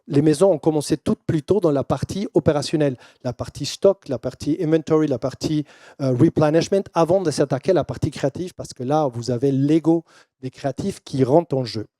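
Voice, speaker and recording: A man's voice: fairly high pitch, a little fast, warm tone, no echo, clean studio sound. A man who is not a native French speaker, giving a business presentation in French with a foreign accent, dropping English business terms into loose non-native phrasing. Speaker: conference speaker.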